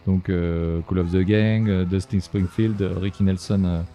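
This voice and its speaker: A man's voice: deep voice, fairly even intonation, unhurried, warm tone. A man chatting casually about film as a podcast co-host, hesitant with many fillers and restarts, tired late at night.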